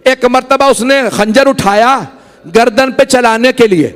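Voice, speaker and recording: Brief: middle-aged man, Pakistani Urdu accent, high-pitched passionate mourning preacher who pleads with the crowd and cries out at the climaxes. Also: unhurried, in a large hall. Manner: urges the congregation directly, swells to cries at climaxes. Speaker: Shia cleric leading a Muharram majlis. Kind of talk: impassioned mourning sermon.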